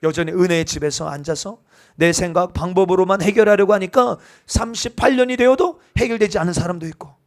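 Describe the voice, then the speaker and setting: High-voiced male pastor preaching. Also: brisk. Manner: keeps asking the congregation for responses; builds to loud, emphatic proclamation. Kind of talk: sermon.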